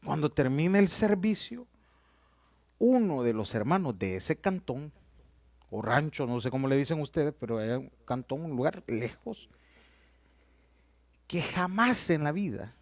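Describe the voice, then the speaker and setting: A man's voice: on the high side, lively intonation, measured pace, pauses often, dry recording. A male pastor, telling stories in a sermon and often addressing his listeners as "brother". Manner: storytelling, addresses listeners as "hermano".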